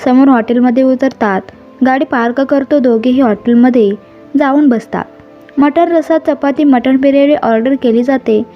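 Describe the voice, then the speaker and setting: A woman's voice: high-pitched, steady tone, moderate pace. A woman narrating a romantic story and reading both lovers' lines herself, mixing in English and Hindi phrases. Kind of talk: storytelling narration with character dialogue. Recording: slightly dull audio with faint background music.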